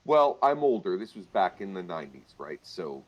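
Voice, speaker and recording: A man's voice: sits low, big pitch swings, normal speed, highs cut off. A man in his forties, bantering and joking in a casual chat. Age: 40s.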